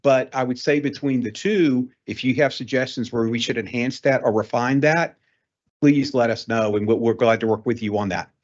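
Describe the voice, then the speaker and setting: A man's voice: medium pitch, moderate pace. A man presenting a proposal and answering questions at a meeting in an auditorium, accommodating and a little hesitant. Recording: dull lo-fi meeting recording.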